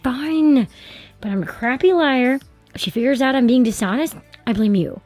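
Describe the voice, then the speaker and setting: A woman reading audiobook dialogue for a quick-witted, teasing young woman. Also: sits high, no echo, soft background music. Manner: teasing, bright and playful.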